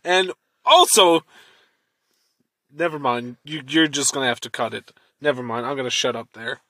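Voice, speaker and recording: A man's voice: medium pitch, moderate pace, fairly bright tone, dry recording. A man guessing answers in casual podcast banter, joking and mocking himself. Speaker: podcast co-host.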